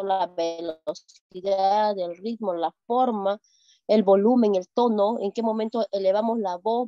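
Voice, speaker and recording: A woman's voice: mid-range voice, dark tone, no echo. Muffled Peruvian woman student answering. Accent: Peruvian Spanish. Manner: earnest, lists points at length. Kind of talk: class participation.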